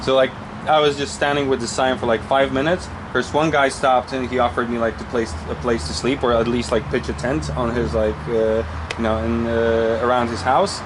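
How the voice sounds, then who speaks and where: A man's voice: mid-range voice, little pitch movement, normal speed. A young man with a Polish accent interviews and shares in casual, informal, hesitant conversation. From Poland. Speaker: interviewer, traveler. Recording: clear outdoor street noise.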